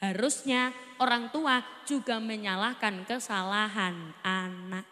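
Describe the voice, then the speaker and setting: A woman preaching a lively sermon, playfully teasing her audience and acting out children and parents. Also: mid-range voice, measured pace, in a large hall.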